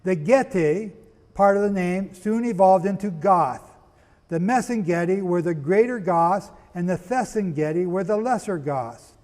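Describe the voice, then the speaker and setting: High-voiced man preaching in a hall. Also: animated, unhurried, darkish tone. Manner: asks the audience rhetorical questions; spells out names letter by letter. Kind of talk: sermon-style history lecture to an audience.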